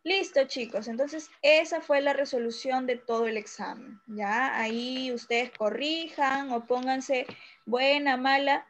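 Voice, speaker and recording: A woman's voice: sits high, steady tone, measured pace, a little hiss or hum. A woman with a Peruvian Spanish accent teaching young children in an online class, patiently going over an exam and checking in often. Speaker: primary school teacher. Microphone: video call.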